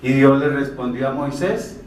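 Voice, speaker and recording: A man's voice: mid-range voice, normal speed, darkish tone. A man teaching the Bible as a preacher, explaining verses step by step and answering his own rhetorical questions. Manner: poses rhetorical questions and answers them himself. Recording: roomy, from a distance.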